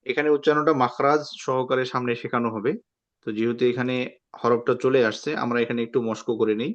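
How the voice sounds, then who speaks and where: A man's voice: medium pitch, level tone, a little fast, dull audio. A man teaching an online Quran reading class, patiently explaining and repeating each letter sound for students to copy.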